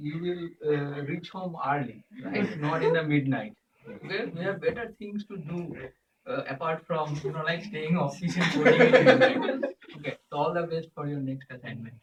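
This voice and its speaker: Guy doing a jokey farewell toast, highish voice, really noisy recording. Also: animated, a little fast. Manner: teasing, humorous. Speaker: colleague giving farewell remarks. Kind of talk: informal farewell speech. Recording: distant mic, very noisy room.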